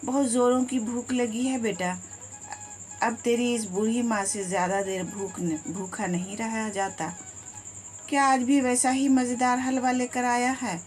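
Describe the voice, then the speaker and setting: A woman's voice: fairly high pitch, fairly even intonation, unhurried, a little mellow, faint music behind, lightly acted. Frail old mother in a storybook, tender and pleading, voiced by a woman narrator.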